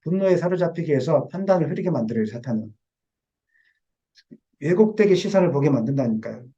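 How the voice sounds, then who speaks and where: A male pastor delivers an emphatic sermon in a church sanctuary and speaks straight to his congregation. His voice sits somewhat high but has a dark, mellow tone. The recording is dull and lo-fi. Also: expressive, fairly quick. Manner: emphatic, addresses congregation directly.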